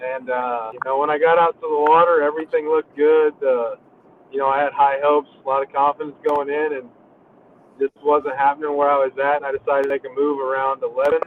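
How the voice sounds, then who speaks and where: An easygoing man heard over a thin, phone-like call line that keeps breaking up and cutting out. His voice sits at an ordinary middle pitch, with a faint hiss under it. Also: level tone, brisk. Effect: breaking-up call connection that cuts out. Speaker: tournament angler calling in. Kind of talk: casual chat over a call.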